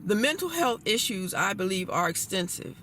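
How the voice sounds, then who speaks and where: A man reading a scripted personal commentary aloud in a deliberate, formal manner. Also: high voice, very animated, sharp tone, a little hiss or hum. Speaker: commentator giving a personal perspective. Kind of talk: scripted spoken essay, read aloud.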